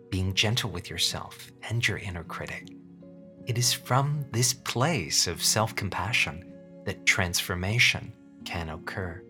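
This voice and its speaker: A man with a low voice delivers scripted self-help hypnosis narration. He is gentle and soothing, leaving deliberate pauses between phrases. Faint music plays behind him.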